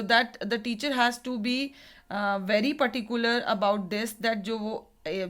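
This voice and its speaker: A woman teacher educator giving a lecture on lesson planning, explaining step by step in a mix of Hindi and English with frequent pauses. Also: fairly high pitch, fairly bright tone. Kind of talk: classroom lecture.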